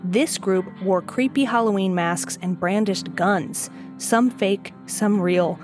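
A woman narrates a documentary podcast in an even, measured way, reading a carefully scripted story. Soft music plays faintly beneath her voice. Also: medium pitch.

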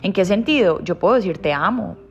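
A woman in her mid-thirties speaks in a heartfelt, emphatic monologue about inner growth. Her voice sits at a middle pitch and often sinks into a quiet, near-whispered hush. Soft music plays faintly behind her. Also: expressive, a little fast, highs cut off. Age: 30s. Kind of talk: reflective motivational monologue.

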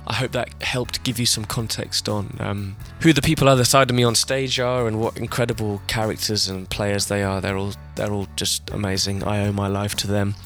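A man's voice: on the low side, fairly even intonation, moderate pace, hardly any pauses, a bit bright, soft background music. A man hosting a podcast, chatty and upbeat as he signs off to listeners. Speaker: podcast host and musician. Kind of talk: casual podcast chat.

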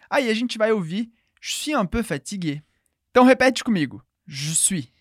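A woman teaching a podcast language lesson, patiently repeating words slowly for listeners to echo. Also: medium pitch, studio quality.

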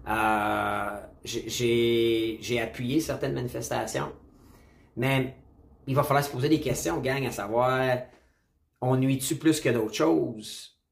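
A man with a Quebec French accent delivers a casual opinion monologue straight to camera. He is blunt and emphatic, drops English slang into his French, and keeps coming back to the same punchy catchphrases. His voice sits at an ordinary pitch and carries a noticeable room echo. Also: steady tone, slow, gravelly. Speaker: political commentator. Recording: roomy echo.

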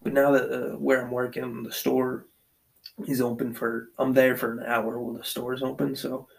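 A man's voice: mid-range voice, little pitch movement, normal speed, vocal fry. A man hosting his own podcast, talking in a loose, profane, rambling monologue while pacing in a basement. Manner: profane, loose and chatty, lots of fillers. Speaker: podcast host. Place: basement, pacing back and forth. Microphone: extension-wired mic, uneven level.

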